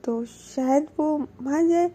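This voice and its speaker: Coaxing young lover in a told story, high and mellow, read by a woman. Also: slow.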